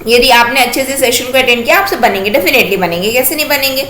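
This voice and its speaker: A woman teacher delivers an exam-prep lecture in a high, bright voice. She repeats her points and keeps asking rhetorical check questions. The room sounds echoey, with faint background noise. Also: fast.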